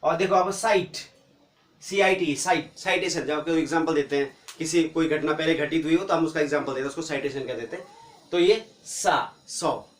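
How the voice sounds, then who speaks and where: Guy teaching english phonics, spells letters out slow, echoey room. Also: fairly high pitch, fairly even intonation, far from the mic. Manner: spells out letters slowly, asks and answers his own questions. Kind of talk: classroom-style phonics lesson.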